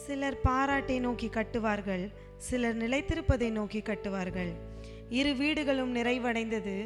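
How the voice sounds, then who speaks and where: Solemn woman narrator over music. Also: a little high. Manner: measured, solemn. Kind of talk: scripted narration. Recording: clear background music.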